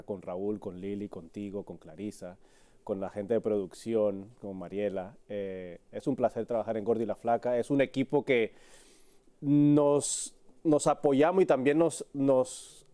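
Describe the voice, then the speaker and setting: A Cuban man with a Mexican accent, a sports reporter, appears as an interview guest in a casual conversation. His voice is lowish, mellow and fairly even, at normal speed, and he speaks candidly in short, broken phrases.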